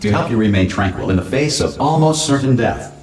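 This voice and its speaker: An actor playing a calm, cheerfully callous recorded announcer in a video game, giving formal instructions in an unflappable deadpan. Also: male voice, medium pitch, brisk, a little hiss or hum, natural voice. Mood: deadpan reassuring. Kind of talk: scripted public-address announcement in a video game. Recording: echoey announcer sound, game music behind.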